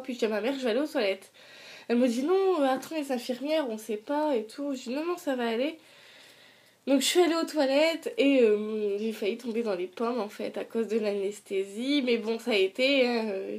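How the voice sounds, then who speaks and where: A woman's voice: fairly high pitch, darkish tone. A young woman chatting casually to camera as a vlogger, retelling her story in colloquial language with sarcastic asides and acted-out dialogue.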